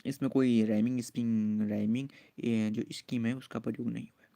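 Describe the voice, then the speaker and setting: A man teaching an exam-prep lesson, drawling poem lines slowly, spelling words letter by letter and asking students to repeat. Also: medium pitch, little pitch movement, dark tone.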